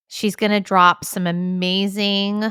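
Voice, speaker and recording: A woman's voice: medium pitch, level tone, slow, a bit bright, smooth, dry recording, clean studio sound. A woman hosting a podcast, introducing her guest and interviewing with effusive, enthusiastic praise. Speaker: podcast host.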